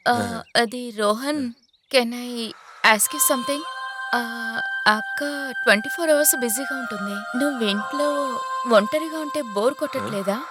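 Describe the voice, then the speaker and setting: A playful teasing younger sister. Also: female voice, on the high side, unhurried, a bit bright. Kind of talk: film drama acting. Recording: film scene with music score.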